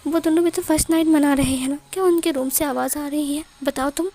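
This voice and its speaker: A woman's voice: high voice, steady tone, fast talker, warm tone. A woman voicing a frightened young man who stammers and pleads in a storybook reading. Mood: pleading.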